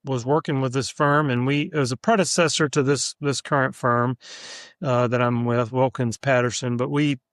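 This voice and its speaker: Man, smooth clear voice, dry close sound, easygoing and thoughtful. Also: medium pitch, fairly even intonation, moderate pace, no room sound. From Mississippi, USA. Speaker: attorney, podcast guest. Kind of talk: casual interview chat.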